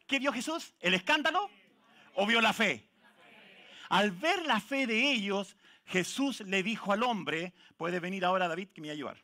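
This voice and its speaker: Chilean pastor, male, high bright voice, lively joking sermon delivery. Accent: Chilean Spanish. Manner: lively, jokes with the congregation, calls out people by name. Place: church.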